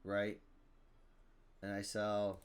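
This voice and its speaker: A man's voice: on the low side, completely flat delivery, very slow, smooth. A man casually commentating his own card game, thinking aloud, reading item text and groaning at bad luck. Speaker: gaming streamer.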